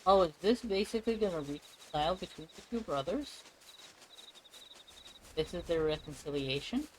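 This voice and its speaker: A man's voice: on the high side, animated, normal speed, darkish tone, a little hiss or hum, rough recording. A man streaming a game, casually thinking aloud between reading lines.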